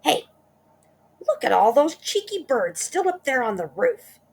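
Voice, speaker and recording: A woman's voice: sits high, sing-song, unhurried, a little mellow, voice pushed up, full character voice. A woman reading a storybook aloud, voicing a nasty, spiteful old woman who screeches and wails in panic. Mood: gloating. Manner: screeching, wailing.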